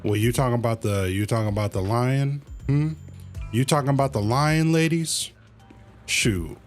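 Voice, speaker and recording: With faint music behind him, a male game streamer talks at normal speed in a medium-pitched voice. He gives relaxed, colloquial commentary on his livestream, reading dialogue out loud and muttering to himself.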